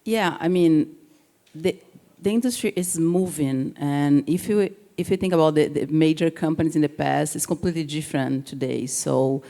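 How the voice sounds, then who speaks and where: A woman's voice: low voice, dark tone. A woman speaking as a panelist at a conference, thoughtful and loosely phrased.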